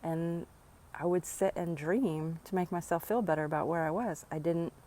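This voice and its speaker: A woman's voice: fairly low pitch, fairly even intonation, normal speed, mellow. A woman speaking earnestly into her phone outdoors near her home, giving a reflective motivational vlog with sighs between thoughts. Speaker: vlogger.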